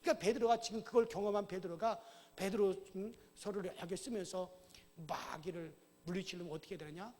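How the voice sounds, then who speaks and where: Male pastor, sermon, high voice, church hall reverb, keeps asking the congregation "eh?". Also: steady tone, fairly quick. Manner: asks the congregation "어?" often, shouts commands at Satan. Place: church sanctuary.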